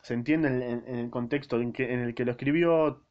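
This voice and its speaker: A man's voice: medium pitch, steady tone, brisk. Argentine male podcast host, casual slangy book recap, rambling. Dull lo-fi sound. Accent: Argentine Spanish. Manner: slangy, rambling, self-interrupting. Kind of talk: casual spoken book summary. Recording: dull lo-fi recording.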